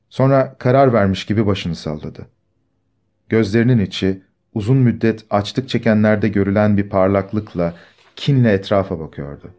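Male novel narrator, measured delivery, lowish pitch, warm dark tone. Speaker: audiobook narrator.

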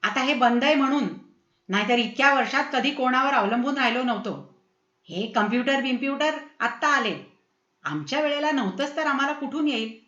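A woman's voice: sits high, animated, normal speed, a bit bright, echoey room, muffled recording. A woman voicing a stubborn, grumbling middle-aged father in a read-aloud story. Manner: grumbling, irritable.

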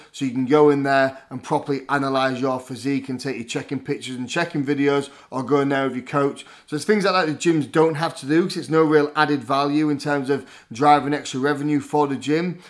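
Chatty man vlogging to camera at home. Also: mid-range voice. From England. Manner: enthusiastic, chatty, lots of fillers like "like" and "basically". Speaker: fitness vlogger reviewing gyms. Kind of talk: casual vlog to camera. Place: living room at home, indoors.

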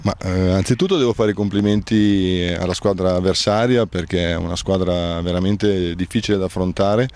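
Guy, deep voice, club exec doing a measured post match interview, bit hesitant. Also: steady tone, a little mellow. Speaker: football club vice-president.

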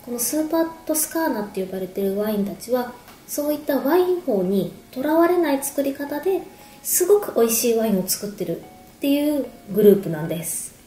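Mellow woman chatting over a drink, echoey room. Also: a little high, big pitch swings, a little fast. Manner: talking while sipping a drink and snacking. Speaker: wine explainer, video host. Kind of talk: casual explanatory talk to camera. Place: echoey indoor room at home. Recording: echoey room with background music. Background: music.

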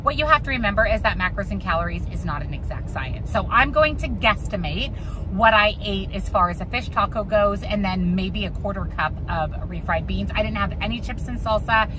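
A woman's voice: medium pitch, noisy background. A woman in her thirties, a lifestyle vlogger, giving chatty, upbeat and rambling narration of her day. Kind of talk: casual vlog narration.

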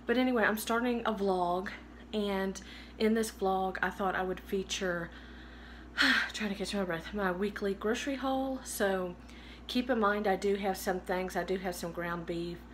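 An American woman in her thirties chatting casually to camera as a vlogger, quietly keeping her voice down. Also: medium pitch, fairly even intonation, normal speed. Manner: hushed, keeping voice down at night-quiet level. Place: home kitchen, indoors. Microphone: phone at arm's length. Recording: faint background room noise.

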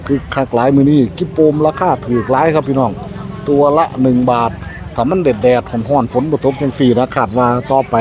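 A man with an Isan northeastern Thai accent giving a casual market tour, hyping cheap prices and repeating phrases to viewers. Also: mid-range voice. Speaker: market vlogger. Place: outdoor roadside market. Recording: noisy outdoor market with passing vehicles.

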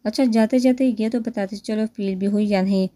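A woman's voice: mid-range voice, steady tone, dark tone, no room sound, lightly acted. A woman voicing a rude young man who mocks and teases, read in a plain storytelling voice. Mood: teasing. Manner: mocking, teasing.

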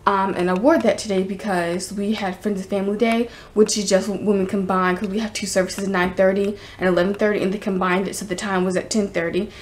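A teen-to-young-adult woman with an American accent, vlogging from a room at home, chats casually to the camera in a halting, rambling, informal way. Her medium-pitched voice barely moves in pitch. The camera is held at arm's length, so the recording is noisy and handheld, with room ambience.

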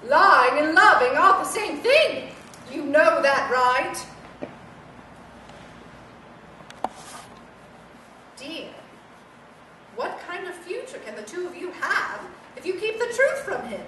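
A woman's voice: sits high, sing-song, measured pace, bright, forceful tone, exaggerated voice. A woman voicing a prim, witty talking stuffed toy bear that chides her and calls her "dear". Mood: chiding. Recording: echoey, distant, noisy room.

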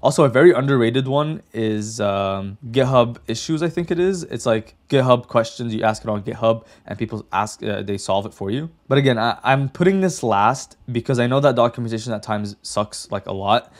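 A man's voice: mid-range voice, moderate pace, hardly any pauses. A young man hosting a casual coding tutorial, chatty and direct, often saying "like" and "okay". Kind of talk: casual screen-share tutorial.

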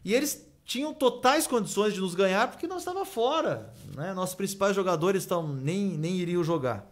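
A man from Rio do Sul, telling an animated story on a radio sports show and tagging his sentences with "né?". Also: sits high, moderate pace. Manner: animated anecdote-telling with frequent "né?" tags. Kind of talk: casual studio storytelling. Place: radio studio.

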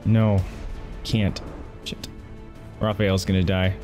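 With game music in the background, a streamer indoors at his computer narrates his gameplay live, swearing and reacting as he addresses himself and viewers. He speaks slowly in a low, darkish voice with little pitch movement.

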